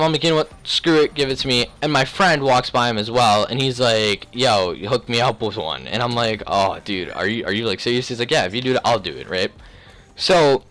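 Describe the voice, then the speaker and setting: Young adult man, casual storytime chat, medium pitch, rambling, slangy, frequent throat clearing. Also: a bit bright. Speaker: video creator.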